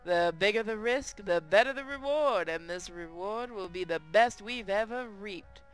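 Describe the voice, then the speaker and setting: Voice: medium pitch, moderate pace, smooth, faint music behind, close to an everyday voice. A man voicing a boastful, gleeful young female pirate captain, reading a visual novel with theatrical, triumphant declaiming. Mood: rallying. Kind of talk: hobby visual novel read-aloud.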